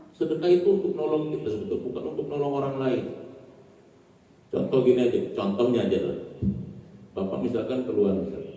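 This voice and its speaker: Male preacher, conversational sermon, mellow dark voice, distant mic, long hall reverb. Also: on the high side. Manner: conversational, asks the audience questions. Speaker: Islamic preacher. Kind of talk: sermon after dawn prayer. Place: mosque hall.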